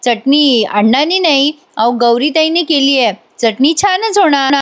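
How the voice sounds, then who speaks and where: A woman voicing an eager young male canteen helper who jumps in quickly. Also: sits high, expressive.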